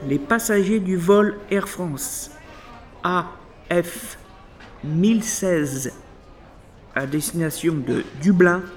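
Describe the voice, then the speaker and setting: A man's voice: sits high, slow, long pauses. A man reading scripted airport announcements in a formal, segmented, phrase-by-phrase delivery.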